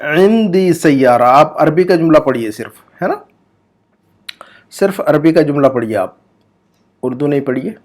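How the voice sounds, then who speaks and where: Patient man teaching Arabic. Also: a little high. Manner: patient, repeats phrases slowly for students. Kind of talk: language lesson explaining grammar.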